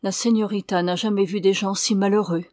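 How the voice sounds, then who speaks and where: A woman's voice: medium pitch, fairly even intonation, brisk, darkish tone, no room sound, clean studio sound, natural voice. A woman reading the lines of an earnest, sorrowful young Indian man in an audiobook.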